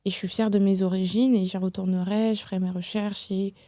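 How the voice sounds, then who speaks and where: A young woman from France, a podcast guest talking in a reflective, hesitant way with many pauses and restarts. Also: medium pitch, level tone, mellow, no echo, studio quality. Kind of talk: casual podcast conversation.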